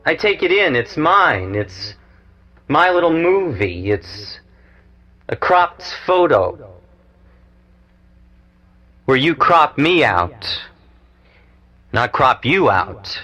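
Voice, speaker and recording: A poet, musician and cable show producer in his forties speaks in an equipment-packed studio, mixing poetry recital with interview talk. His fairly high voice is sing-song, pushed and bright, moving slowly with long pauses, though the audio is dull.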